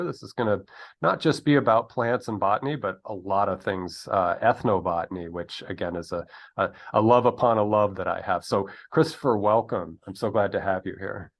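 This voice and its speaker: A man hosting an interview, friendly and talking with many ums and uhs. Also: on the low side. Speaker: interview host. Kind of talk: casual interview talk.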